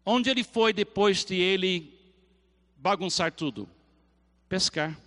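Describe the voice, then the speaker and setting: A man's voice: sits high, takes it slowly. Guy preaching with lots of energy, acting stuff out, voice rings in a big echoey hall. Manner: animated storytelling, acting out scenes. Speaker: pastor. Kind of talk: lively sermon.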